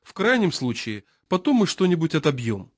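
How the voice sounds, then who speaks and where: A man's voice: on the high side, sing-song, normal speed, dry recording, clean studio sound, pitched above the performer's own voice. A man voicing a nervous, fawning male marshal who talks anxiously. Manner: anxious, ingratiating.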